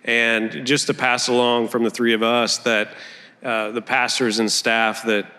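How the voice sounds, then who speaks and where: A man speaking as a church elder, informally sharing reflections with a congregation in a halting way. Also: mid-range voice, level tone, bright, forceful tone, clean tone. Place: large indoor church gathering room. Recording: reverberant hall, amplified speech.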